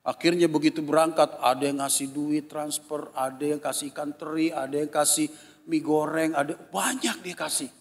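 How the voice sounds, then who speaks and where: A man in his fifties preaching from the pulpit, his slightly high voice carrying through a church hall with a long ringing reverb. He tells family stories with animated impressions of his children and flock. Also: normal speed. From Indonesia. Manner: animated storytelling, mimics his children and congregation. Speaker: pastor. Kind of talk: sermon with personal testimony.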